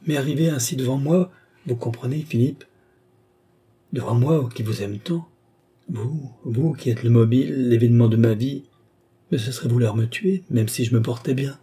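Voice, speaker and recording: A man's voice: medium pitch, normal speed, dark tone, slightly rough. A man voicing a frail, nervous young noblewoman in an audiobook, talking in a breathless, insistent way. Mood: pleading. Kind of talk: audiobook character reading.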